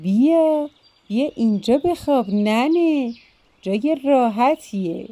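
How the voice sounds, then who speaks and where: A woman's voice: fairly high pitch, animated, dark tone, pitched above the performer's own voice. A woman playing a fussy older housewife. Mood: soothing. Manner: exclaiming, fussy and motherly. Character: flustered older housewife, shrieking easily.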